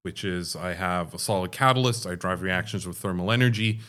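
Low-voiced man explaining his research. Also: sharp tone. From Dubai, Middle East. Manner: measured, explanatory. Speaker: guest, chemical engineering professor. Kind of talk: conversational interview.

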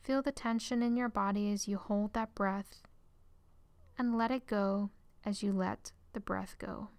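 A woman guiding a relaxation exercise in a calm, soothing way, her phrases trailing off into soft whispers. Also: medium pitch, a little slow, dry recording. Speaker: relaxation guide. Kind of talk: guided relaxation script.

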